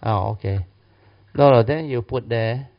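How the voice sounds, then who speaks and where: A man's voice: mid-range voice, unhurried. A man with a Malaysian or Singaporean accent teaching a class informally in colloquial slang English, with clipped phrases and tag particles. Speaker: Buddhist teacher. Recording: muffled, dull lo-fi audio.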